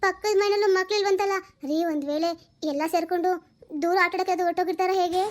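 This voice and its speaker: A woman's voice: fairly even intonation, fast. A woman playing a worried young mother who pleads and frets in a homemade family drama. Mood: frightened. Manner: tearful, pleading, high and thin. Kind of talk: amateur audio family drama.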